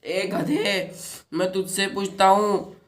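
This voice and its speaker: A woman teacher reading the lines of a huge, boastful male demon, raising her pitch and shouting his threats. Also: level tone, slow pace, natural voice. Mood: bullying.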